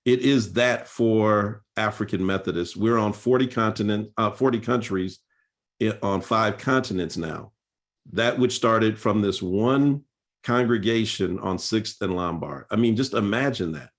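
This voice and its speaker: Low-voiced pastor telling church history. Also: male voice, measured pace. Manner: earnest storytelling with fillers and restarts. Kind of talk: seminar talk on church history.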